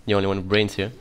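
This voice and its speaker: A man hosting a casual co-op gaming session, joking and laughing often. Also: fairly low pitch. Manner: giggly, jokey, laughs often. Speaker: let's play host.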